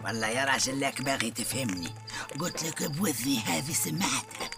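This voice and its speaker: An actress with a southern Tunisian accent playing a stubborn mother who argues insistently with her husband and breaks into shrill outbursts. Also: expressive, brisk, over loud music. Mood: quarrelsome. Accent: southern Tunisian Arabic. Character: meddling middle-aged mother, stubborn and sharp-tongued. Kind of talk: radio drama acting.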